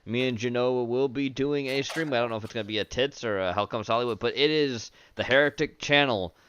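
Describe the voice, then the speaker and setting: A man's voice: mid-range voice, fairly quick, fairly bright tone, lo-fi sound, slight background noise. A man hosting a livestream, casually rattling off announcements with some profanity. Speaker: stream host.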